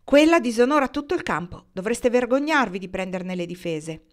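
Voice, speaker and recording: Woman voicing a shrill, indignant frontier matron. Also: animated, normal speed, close to an everyday voice. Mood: outraged. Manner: shrill, outraged scolding. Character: indignant prim middle-aged frontier wife.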